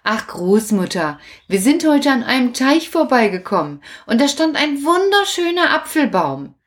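A woman voicing a cheeky, excitable puppet jester boy in a children's story. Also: high-pitched, normal speed, pitched above the performer's own voice. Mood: excited. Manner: bright eager storytelling.

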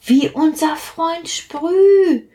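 A woman's voice: very high voice, drawn-out words, warm tone, pitched above the performer's own voice, exaggerated voice. A woman voicing a curious young male water drop full of wonder and questions in a storybook.

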